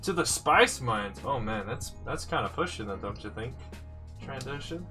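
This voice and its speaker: With faint music playing in his room, a man livestreams himself building sets, chatting loosely, thinking aloud, and responding to viewer comments. His slightly congested, mid-range voice is bright and forceful, with lively intonation at a moderate pace.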